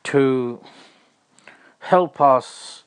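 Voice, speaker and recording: A man delivering a comic, mock-tearful monologue, lamenting over the top and repeating himself in halting bursts. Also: medium pitch, clean tone.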